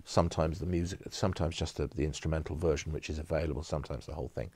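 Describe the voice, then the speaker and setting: A man's voice: very deep voice, steady tone, rapid-fire, darkish tone, husky, no room sound. A middle-aged man, an event producer, telling enthusiastic rambling anecdotes in an interview studio. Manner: enthusiastic storyteller, rambling with restarts. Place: studio with empty audience chairs.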